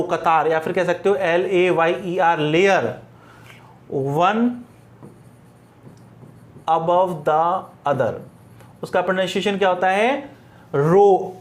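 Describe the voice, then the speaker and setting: High-pitched male teacher. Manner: explains slowly, repeating words and spelling them out letter by letter. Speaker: English grammar teacher. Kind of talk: classroom-style lecture.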